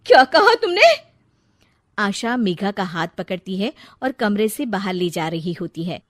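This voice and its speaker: A woman narrating a bedtime storybook in a calm, even storytelling manner. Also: mid-range voice, unhurried, dry recording, clean studio sound.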